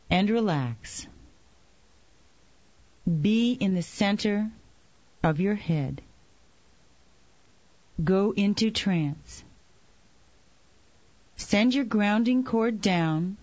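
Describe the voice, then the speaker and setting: A woman leading a guided meditation, giving slow, calm instructions. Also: lowish voice, no room sound, highs cut off.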